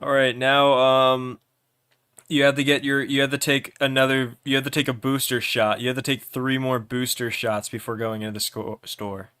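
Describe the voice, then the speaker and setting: A young man hosting a livestream, loudly and teasingly narrating an improvised role-play game and often restarting his words. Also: medium pitch, little pitch movement, normal speed, smooth, no room sound.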